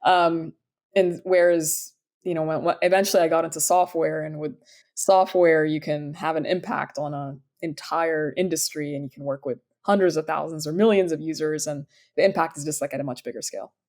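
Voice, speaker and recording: A woman in her thirties, originally from Sudan, is a startup founder appearing as a guest and answering interview questions about her career. Her low, darkish voice holds a steady tone and moves a little fast. She sounds upbeat and enthusiastic, with frequent fillers.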